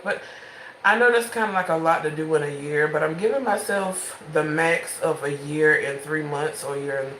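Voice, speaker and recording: A woman in her twenties speaks casually and frankly in a late-night home vlog, rambling from thought to thought with her phone held in her hand. Her voice is lowish, and the rough, reverberant recording has slight background noise.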